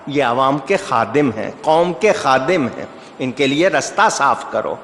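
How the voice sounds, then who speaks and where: A man's voice: mid-range voice, very animated, fairly bright tone, a little hiss or hum. A male Islamic preacher giving a sermon, telling stories with emphatic rises and asking the audience rhetorical questions. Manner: storytelling with rising emphatic outbursts. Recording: echoey hall reverb.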